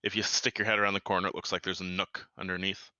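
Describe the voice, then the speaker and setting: A man's voice: low voice, level tone, quick pace, bright, forceful tone, no echo, lo-fi sound. A man running a tabletop game as game master, describing scenes playfully.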